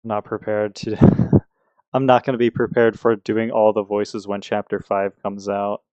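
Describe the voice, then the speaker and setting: Low-voiced man rambling over game music. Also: flat delivery, a little slow, warm tone, clean tone, no echo, highs cut off. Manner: rambling, hesitant, many restarts and fillers. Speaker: streamer playing a video game. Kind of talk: casual gameplay commentary.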